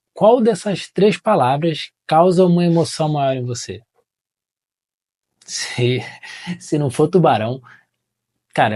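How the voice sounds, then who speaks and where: A man's voice: mid-range voice, a little mellow. Chatty Brazilian man teaching marketing. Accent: Brazilian Portuguese. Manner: conversational, often ends phrases with tag questions. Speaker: marketing educator. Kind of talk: casual explanatory talk to camera.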